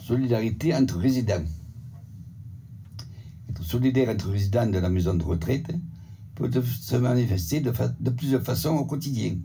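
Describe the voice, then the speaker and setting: Older southern french guy reading his report slow and steady, gravelly dark voice. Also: mid-range voice, slight background noise. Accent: southern French (Montpellier). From Montpellier area, southern France. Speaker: retirement home resident giving a report. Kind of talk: reading a prepared text. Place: retirement home, sent as a video.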